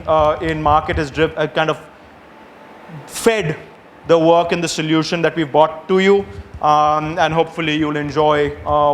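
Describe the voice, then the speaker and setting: A man's voice: fairly high pitch, a little hiss or hum. A man presenting to clients, phrasing things carefully and checking in with short questions. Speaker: advertising agency presenter.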